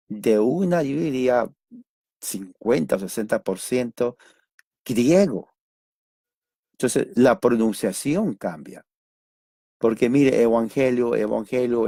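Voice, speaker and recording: A man preaching an expository Bible lesson in a conversational way, often tagging sentences with questions, pausing on fillers and rephrasing his points. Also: lowish voice, vocal fry, dark tone, dry recording, clean studio sound. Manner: conversational, frequent "¿no?" tag questions and hesitant fillers; repeats and rephrases points while explaining.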